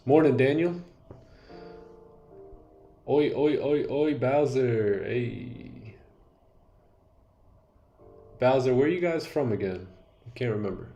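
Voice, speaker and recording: A man hosting a live trading stream in casual chat, relaxed and slangy, greeting viewers by name. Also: medium pitch, slow pace, long pauses, dull audio, soft background music. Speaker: livestream host and day trader.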